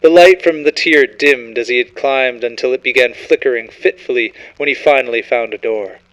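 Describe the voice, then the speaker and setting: A man's voice: mid-range voice, normal speed, a bit bright, low-quality recording. A man reading a scripted horror story as narrator, in a dramatic, ominous storytelling manner.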